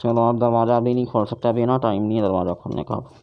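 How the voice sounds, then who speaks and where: A man in casual voice chat while gaming, bossy and quick to repeat his orders to a teammate. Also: mid-range voice, fairly even intonation, clear, resonant tone. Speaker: gamer, channel host. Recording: muffled voice chat with light noise.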